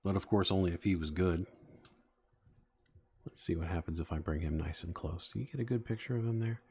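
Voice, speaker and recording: A man in his forties builds toy sets while chatting casually with live-stream viewers, rambling with lots of fillers. His voice is low, warm, and slightly rough, fairly quick, with vocal fry.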